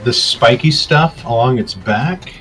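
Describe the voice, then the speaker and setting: A man narrating a tabletop game as game master, describing scenes in a relaxed way with filler ums. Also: medium pitch, unhurried, soft background music, low-quality recording.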